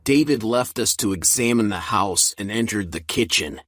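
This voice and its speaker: A man with a low voice narrating a graded story for beginners. His reading is clear and even, and a faint hiss sits behind it. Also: moderate pace. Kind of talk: slow storybook narration for learners.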